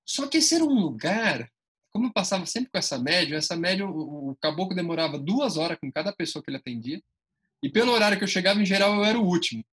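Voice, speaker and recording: São man, casual storyteller, quick and lively delivery, acts out quotes. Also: high-pitched, slightly rough. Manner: animated, acts out dialogue.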